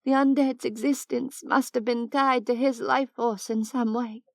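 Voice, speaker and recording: A woman's voice: fairly high pitch, steady tone, measured pace, no echo, clean studio sound, voice pushed up. A woman voicing a female vampire who talks in a desperate, pleading way. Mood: faint. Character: frantic young-seeming female vampire pleading.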